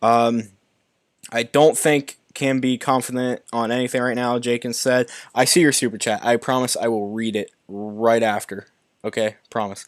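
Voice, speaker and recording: A man's voice: mid-range voice, flat delivery, normal speed, dry recording, clean studio sound. A young man hosting a live stream, reading movie news articles aloud and commenting, often stumbling and restarting words. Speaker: YouTube movie news host.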